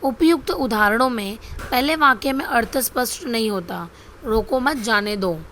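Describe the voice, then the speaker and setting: A woman's voice: on the high side, animated, normal speed, fairly bright tone, slight background noise. Woman teaching grammar, rhetorical questions. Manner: repetitive, asks rhetorical questions and answers them. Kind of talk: Hindi grammar lesson over slides.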